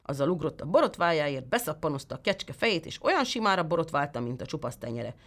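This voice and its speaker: A woman reading a fairy tale aloud with lively, expressive storytelling. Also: low voice.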